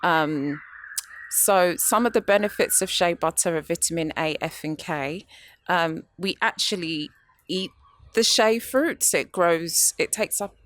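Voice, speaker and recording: A woman's voice: on the low side, measured pace. A woman, a guest in a casual interview, explaining at length with many ums. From North London, UK. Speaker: guest, skincare business founder.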